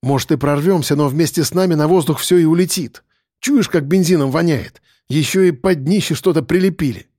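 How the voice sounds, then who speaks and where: A man's voice: on the high side, brisk, mellow, no echo, studio quality, close to an everyday voice. A male narrator voicing a coarse, blunt warrant officer who swears freely. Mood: uneasy.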